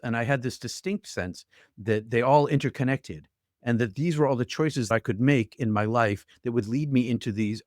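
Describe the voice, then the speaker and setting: A man's voice: mid-range voice, a little mellow, no room sound. Older guy telling his story, earnest, dry close sound, mid voice. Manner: earnest, vivid, acts out voices he heard. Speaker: guest telling his near-death story. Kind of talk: personal storytelling in an interview.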